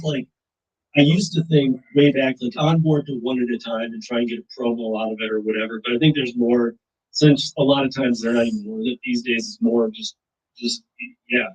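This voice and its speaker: A man's voice: mid-range voice, breathy edge. Man hosting casual chat, dull lo-fi audio. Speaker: host of gig drivers' group talk. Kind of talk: casual group chat about gig work.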